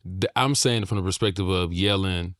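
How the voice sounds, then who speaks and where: A man's voice: sits low, moderate pace, a bit bright, no room sound, studio quality. A man co-hosting a casual podcast chat, blunt and emphatic, with frequent cursing. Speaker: podcast co-host, teacher and coach.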